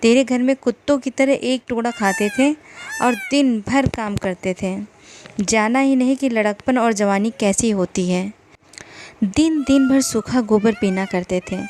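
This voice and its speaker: Lady doing a hot-headed village guy yelling insults, slow heavy delivery. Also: a little high, slight background noise, lightly acted. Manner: shouting insults. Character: angry young village man, hot-headed brother.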